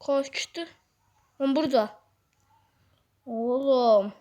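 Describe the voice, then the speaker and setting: A woman giving excited gameplay commentary straight to her viewers, yelping commands and sometimes dropping to hushed asides. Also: high-pitched, drawn-out words. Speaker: gaming video host.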